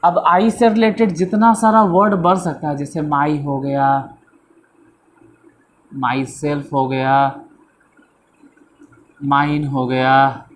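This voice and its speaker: A man's voice: fairly high pitch, a little hiss or hum. A man teaching a casual beginners' grammar lesson, chatty and repetitive, with a self-mocking manner.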